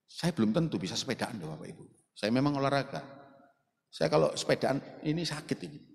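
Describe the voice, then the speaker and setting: A man's voice: mid-range voice, fast, vocal fry. A male pastor with a Surabaya Javanese accent, preaching a sermon and talking straight to the congregation, slipping into local dialect. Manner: animated, addresses the congregation directly, slips into local dialect. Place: church sanctuary. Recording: echoey church hall with long reverb.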